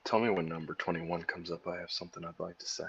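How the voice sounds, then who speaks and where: Man, co-host, tired, deep gravelly voice, joking, casual stream chat. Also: fairly even intonation, quick pace, a bit bright, dull audio. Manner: joking, sarcastic.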